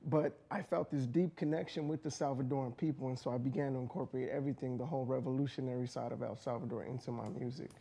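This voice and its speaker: A man's voice: mid-range voice, steady tone, fast talker, gravelly, hardly any pauses, dark tone, husky. A man from the United States, a rapper guest, speaking in an earnest, passionate way about his music with frequent restarts. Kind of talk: casual interview talk. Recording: community radio studio.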